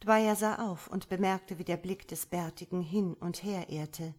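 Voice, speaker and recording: A woman narrates a tense adventure story in steady, measured scripted narration. Her voice sits on the low side. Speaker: audiobook narrator.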